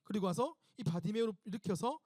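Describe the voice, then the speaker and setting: A male pastor with a notably high voice preaches to a young congregation. He tells the story with emphatic repetition and turns again and again to the listeners with questions. The sound is dry and close. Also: animated, quick pace, a little mellow, dry recording. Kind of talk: sermon to a young adults' service.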